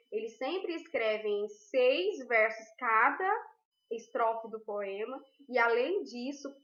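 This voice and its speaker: A woman's voice: fairly high pitch, fairly bright tone. A woman teacher giving a recorded class, explaining patiently step by step and checking in with her students often. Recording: roomy, dull lo-fi.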